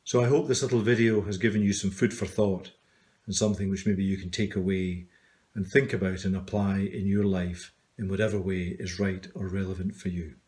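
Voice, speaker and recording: Earnest low-voiced middle-aged man. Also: level tone, darkish tone. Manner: measured, earnest, often slowing down. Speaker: video storyteller. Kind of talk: reflective personal storytelling.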